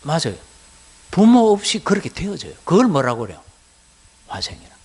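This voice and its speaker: A middle-aged man with a Gyeongsang Korean accent lectures on Buddhism to lay students, pitched high for a man. His voice swings widely up and down as he fires rhetorical questions at the class. The delivery stays lively and conversational. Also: moderate pace, husky. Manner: animated, keeps asking the class rhetorical questions.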